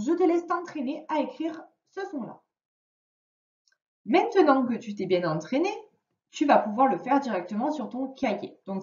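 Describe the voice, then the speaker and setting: A woman teaching a young child to read in a remote lesson, giving patient, clearly articulated instructions. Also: high voice, a little mellow. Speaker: primary school teacher. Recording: roomy, distant, dull lo-fi sound.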